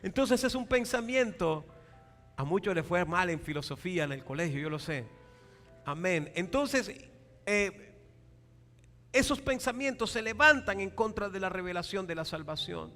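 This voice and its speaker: High-voiced preaching man in a reverberant hall. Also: normal speed. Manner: animated preaching with congregation call-outs; acts out quoted dialogue in raised voices. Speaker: pastor. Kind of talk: sermon. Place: large church hall. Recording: long hall reverb with faint music.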